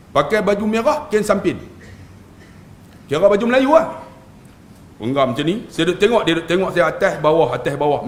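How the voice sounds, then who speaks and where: A middle-aged man with a northern Malaysian Malay accent, preaching in a humorous storytelling style with sudden high outbursts, often turning to address the crowd. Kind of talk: humorous religious talk.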